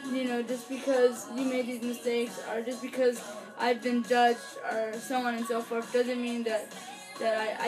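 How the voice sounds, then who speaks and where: This is a young adult woman, high-pitched and earnest, doing a casual unscripted fan album review straight to camera. She's in a small furnished bedroom indoors, picked up by a camera or webcam a few feet away, with poor audio quality.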